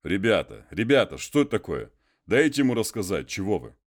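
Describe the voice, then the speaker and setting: A patient, educated gentleman refuses firmly and reasons things out, voiced by a man reading a story. He speaks in a measured way, and his pitch moves a good deal. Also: sing-song.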